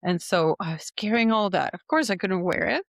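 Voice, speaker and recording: A woman in her forties from Venezuela, speaking English, chatting in a lively, expressive way as a podcast guest. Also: mid-range voice, brisk, dry recording, clean studio sound. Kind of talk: storytelling in a podcast interview.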